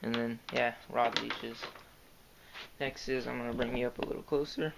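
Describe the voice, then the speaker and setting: A young man with a gravelly, mid-range voice speaks softly and hesitantly at a normal speed and level tone, using lots of fillers. He's a kayak angler showing off his gear in a casual vlog, filmed indoors in a carpeted room at home. The handheld camera sits close to the gear, and the home recording is noisy.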